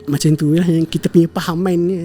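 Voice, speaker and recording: A young man, a guest on a podcast, retells a family story in a rambling, casual way, full of fillers and self-corrections and sprinkled with English words. His voice is slightly high, steady in tone, quick and mellow, with faint music in the background.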